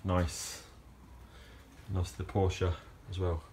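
A man speaks slowly in a low, slightly mellow voice with a flat delivery, and there's slight background noise. He's a car owner vlogger recording a casual how-to vlog on a handheld phone camera in an outdoor garage yard, rambling with fillers and restarts.

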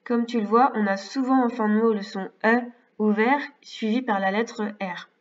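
A woman teacher with a French accent, slowly and carefully correcting exercises for young pupils step by step. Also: on the high side, fairly even intonation. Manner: slow, careful, explains step by step. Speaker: primary school teacher. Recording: distant, slightly dull mic.

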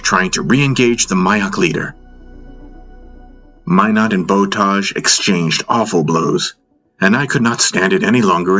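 A man narrating a fantasy audiobook in first person, steady and measured. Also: deep voice.

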